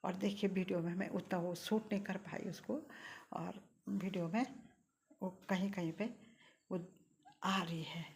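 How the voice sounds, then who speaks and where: A woman's voice: lowish voice, fairly even intonation, measured pace, creaky, long pauses, a little mellow. An older woman vlogger telling a personal story in a rambling, emotional and devout way. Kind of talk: casual vlog storytelling.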